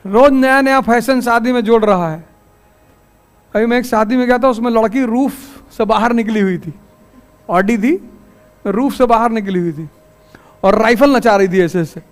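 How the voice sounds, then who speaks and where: A man's voice: very high-pitched, normal speed, long pauses, faint music behind. A man teaching a class, giving a motivational lecture full of stories and rhetorical questions, firm when he lays down rules. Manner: storytelling, wry, with rhetorical questions.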